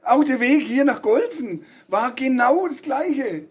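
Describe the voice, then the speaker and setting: A man preaching a sermon in an earnest, personal way, pausing often and searching for words. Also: very high-pitched, expressive, slightly rough. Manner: earnest, with many pauses and fillers.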